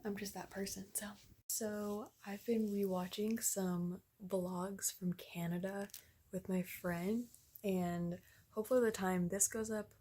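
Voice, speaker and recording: A woman's voice: medium pitch, mellow, breathy edge. Young woman, casual vlog, chatty, rambling, filler-heavy, filmed at home on a handheld camera. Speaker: vlogger. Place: at home, in her bedroom.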